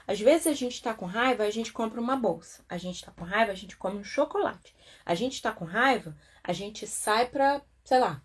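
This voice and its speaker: Husky Brazilian woman teaching casually. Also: fairly high pitch. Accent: Brazilian Portuguese. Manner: chatty, asides with tag questions and acted-out quotes. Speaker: therapist. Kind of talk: reading and commenting on a self-help book.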